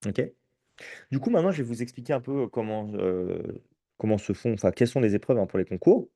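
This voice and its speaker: A man with a French accent walks an audience through entrance exams in a relaxed, chatty tone, regularly checking that everyone is following. His voice is mellow and warm, recorded dry and up close. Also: on the low side, a little fast, dry recording. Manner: conversational, addresses audience with frequent "ok?" and restarts. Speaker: prep school teacher presenting exams. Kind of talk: live conference presentation.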